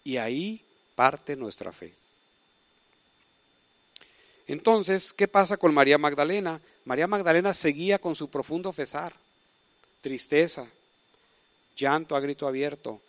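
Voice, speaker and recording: Emphatic male preacher with crisp dry sound. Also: fairly high pitch, no echo. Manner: emphatic, with sudden swings in loudness. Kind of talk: sermon.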